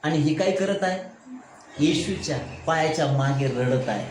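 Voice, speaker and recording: In an echoey room with background noise, a man with a fairly high voice speaks at normal speed, leading a Bible study as a pastor. He poses questions to the congregation, answers them himself, and keeps tacking on "right?" in a call-and-response sermon.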